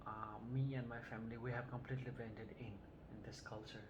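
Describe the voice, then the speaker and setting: A woman playing an older Vietnamese-born male patient who answers in a halting, hesitant way in a scripted health assessment role-play. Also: a bass voice, fairly even intonation, highs cut off. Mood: calm. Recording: noticeable background noise.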